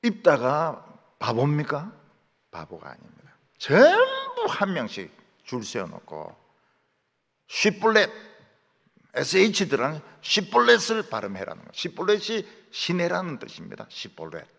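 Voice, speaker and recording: A man's voice: a little high, wildly swooping pitch, normal speed, creaky, fairly bright tone. A middle-aged man from the Gyeongsang region with a Gyeongsang accent, preaching a sermon and telling stories while mimicking dialect words. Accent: Gyeongsang Korean. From Gyeongsang region, Korea. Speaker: pastor. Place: large church sanctuary. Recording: long hall reverb.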